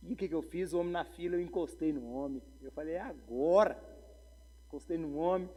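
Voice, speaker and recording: A pastor, preaching a sermon full of humorous stories and calls to the congregation. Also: male voice, fairly high pitch, quick pace, mellow. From Brazil. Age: 40s. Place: church sanctuary. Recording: long church hall reverb.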